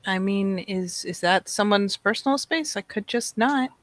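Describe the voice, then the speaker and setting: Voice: mid-range voice, measured pace, a bit bright. A player in a tabletop game, asking curious, hesitant questions.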